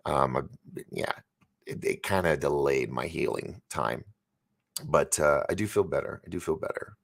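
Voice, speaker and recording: His very deep voice carries vocal fry and moves at a normal speed. A San Francisco man in his fifties, he hosts a live stream show, chatting and rambling as he reads viewer comments and stumbling over words. He's recovering from an injury.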